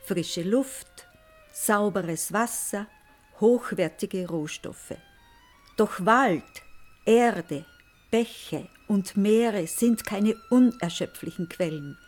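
Slow, measured older woman. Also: mid-range voice, a little mellow, soft background music. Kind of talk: scripted appeal.

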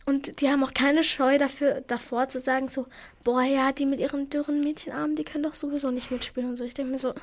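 A teenage girl from Afghanistan talks in a relaxed, casual chat. Her voice sits a little high, and she tells her stories in an animated, indignant way. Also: fast talker. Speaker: student talking about school.

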